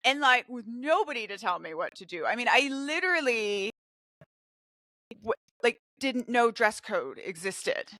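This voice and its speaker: A woman who grew up in Brazil and Mexico hosts a casual podcast conversation, talking candidly and animatedly. Her voice is bright and forward, and the room sounds dry and close. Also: a little high, a little slow, no room sound. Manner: candid, animated personal storytelling. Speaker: podcast host. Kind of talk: casual chat.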